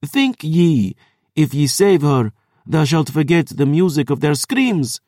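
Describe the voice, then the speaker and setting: A man's voice: on the high side, sing-song, takes it slowly, darkish tone, dry recording, clean studio sound, voice pushed up. A man voicing an ancient, cruel female vampire who taunts in archaic, contemptuous speech. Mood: taunting.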